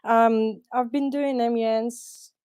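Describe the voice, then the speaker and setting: Smooth, mellow young woman from Ukraine. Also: a little high, steady tone, slow, no echo, clean studio sound. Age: 20s. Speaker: diplomacy student, panelist. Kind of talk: online panel introduction.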